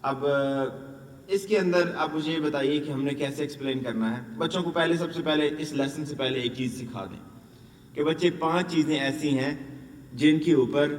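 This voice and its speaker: A man training Quran teachers, drilling letter sounds and asking and answering his own questions. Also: fairly high pitch. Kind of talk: instructional lesson. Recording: echoey room, distant mic, faint noise.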